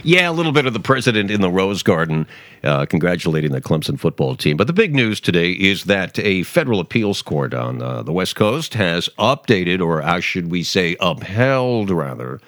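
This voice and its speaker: A man's voice: low voice, a bit bright, no echo, clean studio sound. A man hosting his own talk podcast, rambling and sarcastic, with many fillers and restarts. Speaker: podcast host. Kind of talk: opinionated talk podcast monologue.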